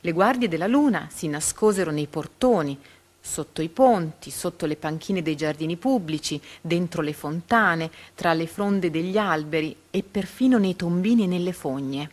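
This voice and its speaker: A woman narrating a storybook in a measured, expressive reading. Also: on the low side.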